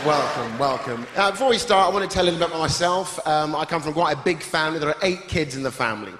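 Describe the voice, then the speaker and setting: A man's voice: fairly high pitch, expressive, quick pace, slight background noise. A man hosting a stand-up comedy show on a theatre stage, playfully teasing the audience. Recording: echoey theatre with loud crowd.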